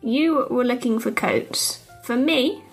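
Woman, higher voice, teasing, laughs a lot, casual chat, faint music behind. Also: slow pace, breathy edge. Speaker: podcast co-host.

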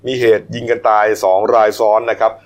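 A man's voice: lowish voice, fast talker. A man hosting a news talk show, chatting casually with co-hosts and using many polite particles. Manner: chatty, many polite particles, rising excitedly when retelling.

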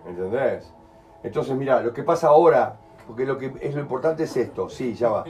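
A man with a Rioplatense Spanish accent leads a group, explaining in an animated way, acting out quoted voices and often checking that listeners follow. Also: medium pitch, moderate pace, over music. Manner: animated, acts out quoted voices, keeps asking "¿entendés?". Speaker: group workshop leader.

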